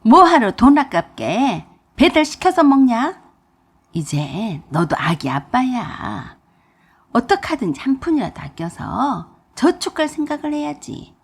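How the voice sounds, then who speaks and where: Woman doing a shrill stubborn old mother-in-law, loud nagging, lively swoops, raspy edge. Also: unhurried, full character voice.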